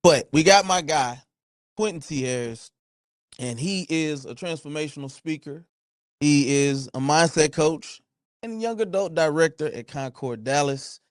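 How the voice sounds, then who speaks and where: Brief: man in his thirties, podcast host, lively and playful, a touch high, dry close sound. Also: unhurried, no echo. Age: 30s. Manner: animated, playful banter, slangy. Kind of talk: casual chat.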